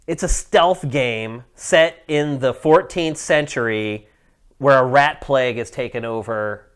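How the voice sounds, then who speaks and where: A man's voice: medium pitch, measured pace, clear, resonant tone. A man hosting a gaming show in a casual, conversational style. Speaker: show host.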